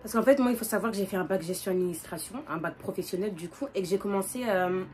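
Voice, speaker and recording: A woman in her twenties with a northern French accent, chatting casually and quickly as a vlogger while doing her makeup, with lots of fillers and restarts. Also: mid-range voice. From northern France. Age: 20s. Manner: fast, animated, many fillers and restarts.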